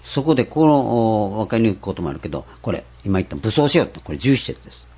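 A man preaching a sermon, stressing points with rhetorical questions and slowing down for scripture. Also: fairly low pitch, big pitch swings, darkish tone, breathy edge. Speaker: pastor.

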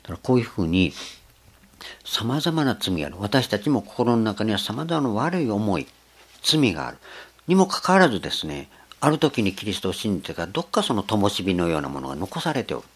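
An older man giving a slow, reflective sermon, pausing often with fillers. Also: lowish voice, sing-song, slightly rough. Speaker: preacher.

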